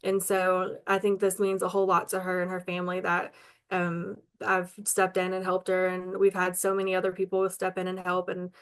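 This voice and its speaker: A woman's voice: fairly low pitch, monotone, moderate pace, smooth. A woman answering interview questions in an earnest, chatty way, with many ums and likes. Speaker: local advocate interviewed as guest.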